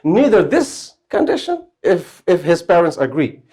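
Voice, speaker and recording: A man teaches English grammar to a room of students in a somewhat high voice. He works through each rule step by step. He keeps stopping to ask whether they have got it. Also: huge pitch swings, measured pace, darkish tone, husky. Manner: explains step by step, often checks understanding. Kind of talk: classroom grammar lesson.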